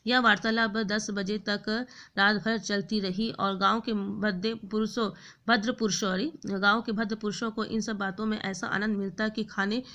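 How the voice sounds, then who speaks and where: Bright-voiced woman teacher explaining a story. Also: medium pitch, level tone, moderate pace, muffled recording. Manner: stops often to explain words, many fillers and self-corrections. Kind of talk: retelling and explaining a story for a class.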